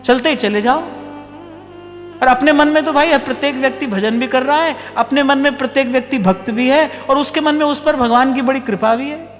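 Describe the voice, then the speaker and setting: A man's voice: very high voice, moderate pace, big-room sound, soft background music. A man giving a devotional discourse as a spiritual teacher, telling stories and acting out short exchanges of dialogue. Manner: storytelling, acts out short dialogues. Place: ashram hall.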